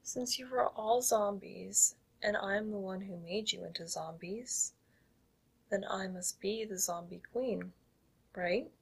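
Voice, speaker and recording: A woman playing a stage hypnotist who calls herself a zombie queen, giving soft whispered commands in an ASMR hypnosis roleplay. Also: medium pitch, slow, creaky, slightly rough, exaggerated voice. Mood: playful.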